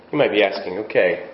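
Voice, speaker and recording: A man preaching a sermon as pastor, reading scripture aloud and asking rhetorical questions. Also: a little high. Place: church sanctuary. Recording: echoey, dull church recording with faint hiss.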